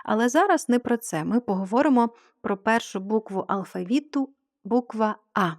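A woman's voice: on the high side, lively intonation, a little mellow, dry recording, clean studio sound. Patient woman teaching online. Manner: slow, drawn-out model words; clear, patient explaining. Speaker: French teacher. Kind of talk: online grammar lesson.

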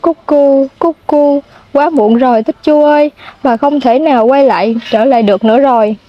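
A woman's voice: sits high, moderate pace, close to an everyday voice. Young woman reading as a loving grandmother bird. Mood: tender. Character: loving old grandmother turned cuckoo bird. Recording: dull lo-fi sound.

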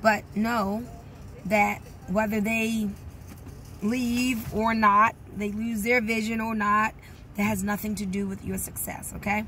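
A woman's voice: medium pitch, level tone, slow, fairly bright tone, a little hiss or hum. A woman giving a motivational talk as a network marketing coach, speaking directly to her viewers with emphatic encouragement.

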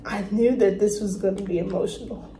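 A woman hosting a reaction video, talking earnestly and emotionally with halting, apologetic restarts. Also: medium pitch, fairly even intonation. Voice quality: emotional, soft-spoken. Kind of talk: casual reaction commentary. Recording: roomy room with faint noise.

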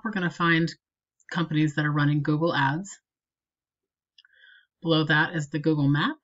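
A woman marketing consultant walking a client through an SEO review with a screen recording, in a steady and practical way. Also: deep voice, dull audio.

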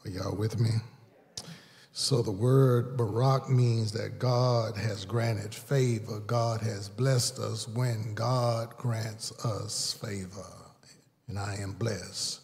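Slow-preaching pastor in a hall. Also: male voice, fairly even intonation. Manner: call-and-response preaching, swelling louder and higher for emphasis. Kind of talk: sermon. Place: large church sanctuary. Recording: long reverb of a large hall.

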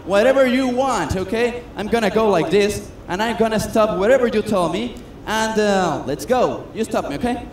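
Man, high voice, chatty self-mocking magician patter; echoey stage, noisy room. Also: animated, moderate pace, few pauses. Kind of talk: comedic stage patter with audience. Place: cruise ship stage. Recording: echoey stage sound with noise.

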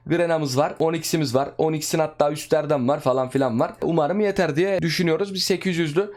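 A young man giving casual, excitable commentary over his own gameplay, chatting to his viewers like friends. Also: fairly high pitch, quick pace. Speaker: gaming YouTuber.

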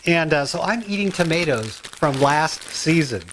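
A middle-aged man chatting casually in his home kitchen, rambling and excitable, full of asides and ums. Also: on the high side, unhurried, slight background noise. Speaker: home cooking and gardening vlogger.

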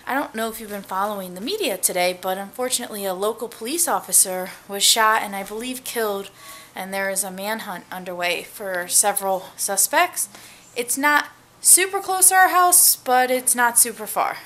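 Filming a casual family vlog at arm's length on a handheld camera, she speaks directly and brightly to viewers from a car, then from her home kitchen and living room. The mid-range voice moves at a moderate pace, a bit bright, with slight background noise underneath.

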